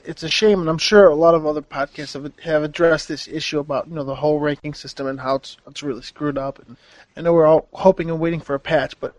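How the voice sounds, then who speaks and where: Excitable high-voiced podcast co-host. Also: male voice, no room sound. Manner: energetic, excitable. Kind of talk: casual chat.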